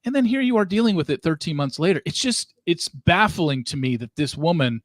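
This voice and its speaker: A man's voice: a little high, animated, fairly quick, no room sound, studio quality. A man hosting a podcast interview, emphatically recapping events for his guest and voicing disbelief. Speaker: podcast host.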